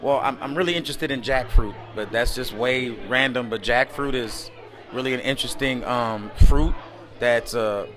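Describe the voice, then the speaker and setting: A man, speaking at an ordinary middle pitch. He answers interview questions casually, wandering between thoughts with plenty of fillers. He is recorded close to a camera at an indoor event. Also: moderate pace, a crowd in the background. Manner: relaxed, rambling, many fillers. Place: indoor event space by a window at night.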